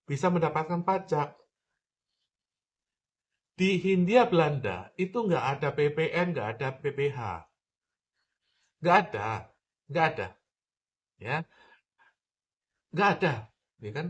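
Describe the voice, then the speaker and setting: A man giving a political commentary monologue, emphatic, repeating his points and addressing the listener directly. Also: on the high side.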